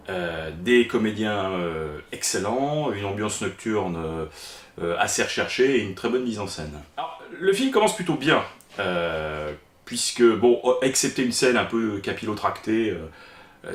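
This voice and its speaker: A man's voice: lowish voice, a bit bright. A man giving a casual spoken film review, hesitating often with fillers and restarts. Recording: echoey room.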